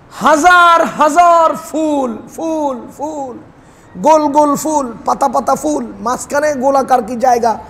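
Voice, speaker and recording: A man's voice: very high voice, fairly bright tone, in a large hall. A man serving as imam gives a Friday sermon with fervent rhetorical questions and joking asides.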